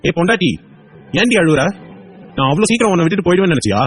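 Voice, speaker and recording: A man's voice: high-pitched, expressive, very fast, breathy edge. A man voicing a loving young husband in a hospital bed, playful and coaxing. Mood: tender. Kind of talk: audio drama acting.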